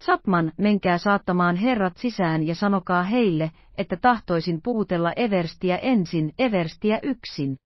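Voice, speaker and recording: A woman voicing a nervous, wealthy male millionaire who gives tense, hurried orders in an audiobook. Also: on the low side, dry recording, lo-fi sound, natural voice. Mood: commanding.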